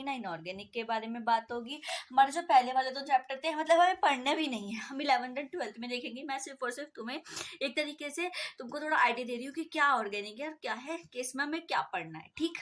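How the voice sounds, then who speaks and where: A young woman, teaching a chemistry lesson to school students and asking questions that she then answers herself. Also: high voice. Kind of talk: online class lecture.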